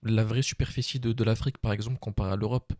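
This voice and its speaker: Low mellow man, dry sound. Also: fairly even intonation, fast, no echo. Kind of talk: casual debate on a live stream.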